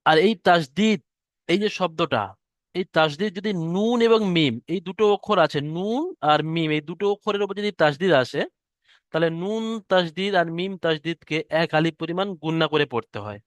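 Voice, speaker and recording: A man teaching an online Quran reading class, slowly drawing out letter sounds to demonstrate them. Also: sits high, no room sound, studio quality. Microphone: headset or computer mic on an online class call.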